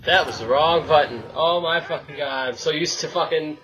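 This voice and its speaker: This young adult gamer has a fairly high, bright voice with a forceful tone and a moderate pace. Hosting a let's play, he keeps up casual, wry commentary, swearing and speaking to the characters. Game sound fills the background of a noisy recording.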